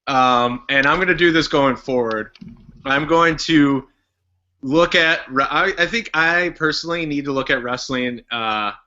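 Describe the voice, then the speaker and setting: A male podcast panelist discusses wrestling casually, halting and circling back as he explains himself. His voice is very bright and forceful, captured on slightly dull, lo-fi audio. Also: on the high side.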